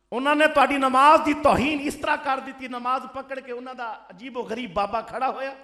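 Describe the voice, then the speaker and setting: A Pakistani cleric with a Punjabi accent preaching in a mosque, firing rhetorical questions at the crowd and swinging between loud and soft. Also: male voice, very high voice. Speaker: Islamic cleric. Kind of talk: fiery sermon. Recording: echoey mosque sound system.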